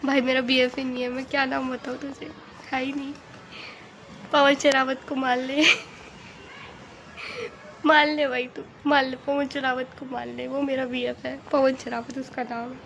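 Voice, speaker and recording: A woman's voice: high voice, level tone, moderate pace, vocal fry, long pauses, fairly bright tone, slight background noise, poor audio. A young woman vlogger reading fan questions aloud and answering them bluntly in a casual Q&A, often checking "okay?" with her viewers. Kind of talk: casual Q&A vlog.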